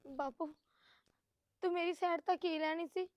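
A very high-voiced young wife, played by a woman, pleading and insistent. The sound is dry and close, with no room around it, in a short family drama. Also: steady tone, moderate pace, no echo. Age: young adult.

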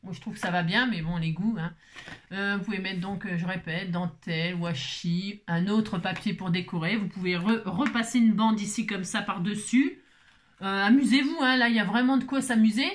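A woman's voice: mid-range voice, steady tone, normal speed, slight background noise. A woman hosting a craft tutorial, chatting playfully to viewers and to herself as she works. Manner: talks to herself and viewers while working, playful teasing asides.

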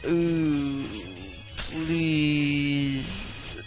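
A young man commentates a video game in a slightly high, unhurried voice, swearing and exclaiming as battles go against him. Faint game music plays behind his voice. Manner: excitable, swears often, groans and exclaims at setbacks. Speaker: gameplay commentator. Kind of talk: casual gameplay commentary.

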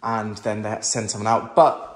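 A man's voice: fairly low pitch, level tone, fairly quick. A young man from England giving a casual, enthusiastic tour of his renovated house, filming by hand while walking through a large kitchen. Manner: chatty, enthusiastic, casual slang. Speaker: home renovation vlogger. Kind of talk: casual home tour narration. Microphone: handheld phone camera, filming first-person while walking.

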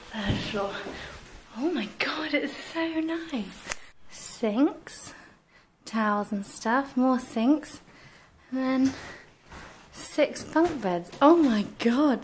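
A chatty young woman films herself at arm's length, walking city streets and ducking indoors as she talks. Her voice sits a touch high, upbeat and quick to laugh. Clear traffic and street noise run beneath her. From England. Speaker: travel vlogger. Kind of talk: casual vlog. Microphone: handheld camera at arm's length.

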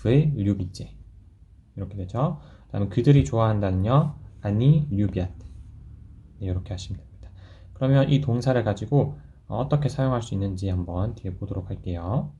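A man from Korea teaching a language lesson, repeating example phrases slowly and quizzing the listener. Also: fairly low pitch, expressive, mellow, lo-fi sound.

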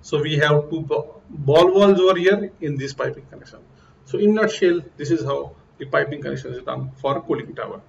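Teaching a technical lesson over slides, a middle-aged HVAC instructor walks through piping step by step in an earnest manner, pointing to features on the diagrams. His voice sits on the high side, a little fast, with vocal fry. A lapel mic in a small room captures dull, lo-fi audio with faint noise.

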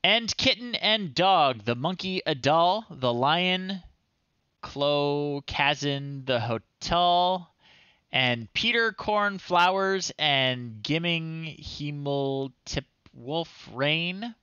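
A man hosting a livestream from a small room at home reads children's stories aloud and offers casual commentary. His voice is bright, clear, fairly high and expressive, and he talks slowly, sounding unhurried and amused while halting with pauses. The recording is dry and lo-fi.

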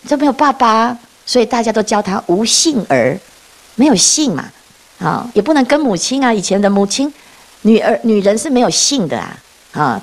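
A woman giving a dharma talk as a Buddhist nun, telling stories with frequent laughs and rhetorical questions. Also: mid-range voice. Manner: lively storytelling, often laughing and asking rhetorical questions.

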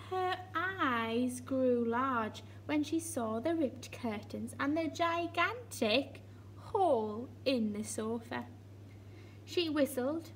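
Slow, high-voiced woman reading a storybook. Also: slight background noise. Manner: expressive, animated storytelling. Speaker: nursery teacher. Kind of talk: reading a picture book to young children.

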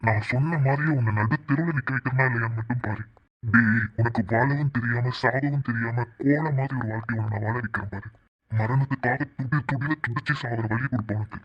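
A man voicing a gloating male villain in a cartoon, taunting his rival with slow, sneering threats. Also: medium pitch, lightly acted. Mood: menacing. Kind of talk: cartoon voice acting. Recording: dull lo-fi recording.

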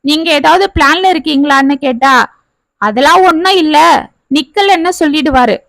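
A woman's voice: sits high, normal speed, a bit bright, dry recording, poor audio. A woman reading the part of a young married woman, hurt and bitter, pouring out her grievances in a family story. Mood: aggrieved.

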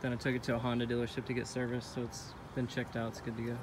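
A young man talks casually to his viewers in a mid-pitched voice, vlog style. It is recorded on a phone at arm's length, with some light noise behind him. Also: completely flat delivery, very fast. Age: young adult. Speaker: vlogger. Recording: slightly noisy phone recording.

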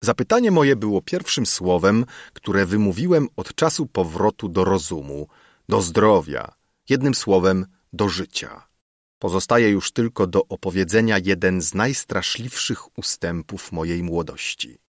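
A man reading an audiobook in a measured, solemn narration. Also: deep voice, expressive, dry recording, clean studio sound.

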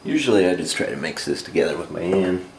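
In his spacious home kitchen, a low-voiced North American man demonstrates a recipe step by step as an amateur host, animated yet plain and unhurried. A camera microphone set a short distance away picks up his voice along with clear background noise.

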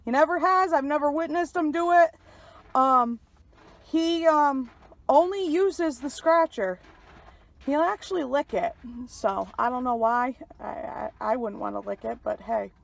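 Chatty high-voiced woman in a truck cab. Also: a little slow, vocal fry. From New York. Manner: chatty, rambling with many fillers. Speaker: truck driver vlogger. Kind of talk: casual vlog tour. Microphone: phone camera held in hand.

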